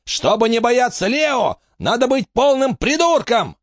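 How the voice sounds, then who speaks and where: A jittery dog-faced gang boss, as a man reading puts him on, high-pitched and edgy. His voice leaps up and down as he frets and shouts. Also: big pitch swings, normal speed, no echo, studio quality. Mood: agitated.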